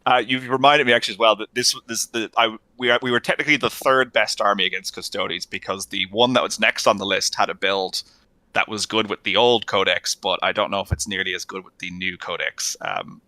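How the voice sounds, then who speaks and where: A man's voice: lowish voice, fairly even intonation, fairly quick, pushed and bright, no room sound. A man on a home computer mic that keeps cutting out, so his volume comes and goes, chatting hesitantly with lots of fillers and restarts. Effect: mic cutting out, uneven volume. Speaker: podcast panelist. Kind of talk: casual gaming strategy chat.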